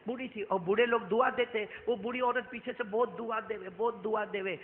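A man giving a storytelling sermon, impassioned, swinging to loud shouts and prompting the crowd. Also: high-pitched, fairly even intonation. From Valsad, Gujarat, India. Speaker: preacher. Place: community hall. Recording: tinny phone-like sound, echoey hall.

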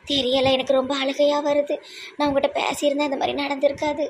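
A woman's voice: mid-range voice, fairly even intonation, brisk, creaky, a little mellow, slight background noise, natural voice. A woman playing a tender-hearted young clinic doctor in a comedy skit, with a Tirunelveli Tamil accent and a tearful, exclaiming manner. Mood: distressed. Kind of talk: amateur comedy skit acting.

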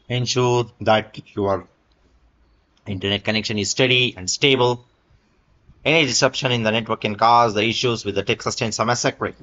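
A man's voice: lowish voice, sharp tone, dull audio. A man narrating a screen-recorded tech tutorial, reading an article aloud with fillers and small slips.

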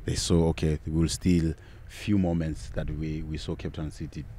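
A middle-aged man co-hosting a football podcast outdoors, relaxed and laughing often, repeating words as he talks, speaking into a mic on a stand. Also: very deep voice, normal speed, a little hiss or hum. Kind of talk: casual football talk. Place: outdoors on a sunny football field. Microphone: handheld mic on a stand.

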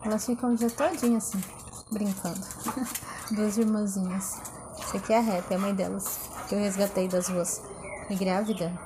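A woman's voice: medium pitch, steady tone, moderate pace, long pauses, noisy background. A woman in a casual cooking vlog, chatty and playful. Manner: chatty and playful, sings silly made-up French lyrics. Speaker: vlogger.

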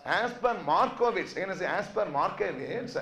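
A man's voice: high-pitched, animated, moderate pace, vocal fry, fairly bright tone. A man with a Tamil accent lecturing a finance class interactively, constantly quizzing and checking that everyone follows. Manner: quizzing, repeatedly asking questions and checking understanding. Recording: echoey classroom sound.

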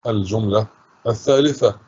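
Brief: Egyptian male teacher for a children's grammar lesson, husky voice, patient and deliberate, dull lo-fi recording. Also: lowish voice, darkish tone. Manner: patient, reads example sentences slowly and repeats them.

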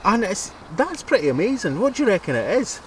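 Lively Scottish man chatting outdoors. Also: high-pitched, fairly quick, a little hiss or hum. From Scotland. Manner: chatty, playful, laughs often. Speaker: mudlarking channel co-host. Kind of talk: casual chat while digging. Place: outdoors at a bottle dump.

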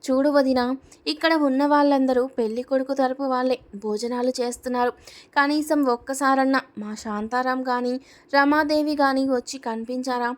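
A woman voicing a sly, middle-aged village aunt in a storybook reading, gossiping in a hushed tone. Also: sits high, fairly even intonation, normal speed, close to an everyday voice. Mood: gossipy.

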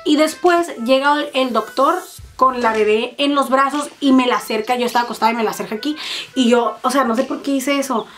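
A woman with a Mexican accent telling a personal story in fast, profane, dramatic casual chat. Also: high voice, a bit bright, faint music behind. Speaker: vlogger.

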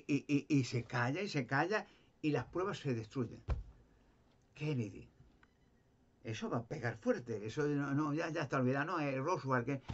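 A man's voice: mid-range voice, a little hiss or hum. A man telling a story with emphasis, often repeating words and restarting sentences. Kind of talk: animated storytelling. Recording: dull lo-fi sound.

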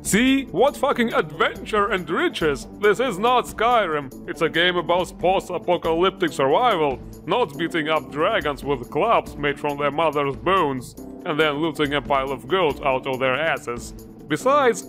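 A man with a slightly high voice delivers a sarcastic video game review. He sounds sardonic and exasperated and swears freely. Music plays faintly behind him. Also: fairly bright tone. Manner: sardonic, exasperated, foul-mouthed. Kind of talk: sarcastic scripted review narration.

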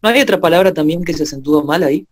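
A man's voice: fairly high pitch, racing. Hesitant male student answering in class.

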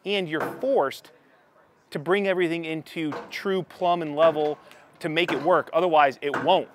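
A man's voice: on the high side, steady tone, normal speed, noisy background. A man in his thirties with a lapel mic, chatting eagerly as he tours a construction site and explains what he sees. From United States. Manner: enthusiastic, chatty, explaining as he walks. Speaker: construction vlogger. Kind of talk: casual walkthrough vlog. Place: construction site, in a tool container and on an open upper floor.

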